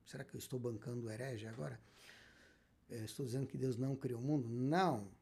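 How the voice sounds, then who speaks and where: Husky-voiced rabbi lecturing with emphasis. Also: male voice, mid-range voice, fairly even intonation, fast, dark tone. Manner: emphatic, asks and answers his own questions. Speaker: rabbi teaching Kabbalah. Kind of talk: spoken lecture.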